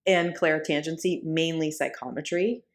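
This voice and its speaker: A woman with a fairly low voice co-hosts a podcast in relaxed conversation. She talks in a chatty, looping way, dropping sarcastic asides and asking whether her point landed. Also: moderate pace. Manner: chatty, sarcastic asides, frequent "like" and "do you know what I'm saying". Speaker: podcast co-host. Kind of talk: casual conversational podcast chat.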